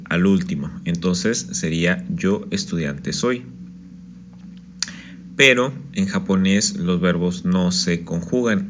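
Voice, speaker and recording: A man's voice: deep voice, fairly bright tone, dull audio, a little hiss or hum. A man teaching an online Japanese lesson, patiently explaining step by step and often checking in with "ok?".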